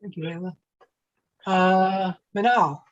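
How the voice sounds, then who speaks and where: A woman's voice: fairly low pitch, steady tone, takes it slowly. A woman moderating a youth livestream over a video call, talking casually with many fillers and restarts. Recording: slightly dull lo-fi audio.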